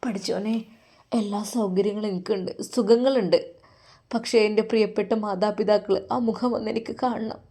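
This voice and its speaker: A woman voicing a homesick, remorseful young woman who prays softly and tearfully in a spoken story. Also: medium pitch, fairly even intonation, normal speed, lightly acted. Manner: soft, tearful prayer.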